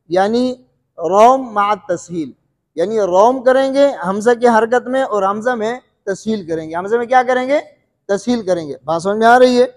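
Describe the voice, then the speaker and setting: A male recitation teacher with a high voice talks through a lesson, asking a question and then answering it himself, and often checking that his students follow. The sound rings on in a long hall reverb. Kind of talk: classroom lesson.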